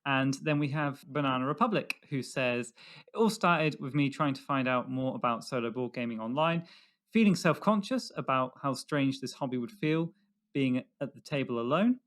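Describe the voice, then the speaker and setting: A man co-hosting a podcast, reading listener messages and responding with enthusiasm, sometimes halting over his words. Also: medium pitch, animated, fairly bright tone. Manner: enthusiastic, halting when moved. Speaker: podcast co-host.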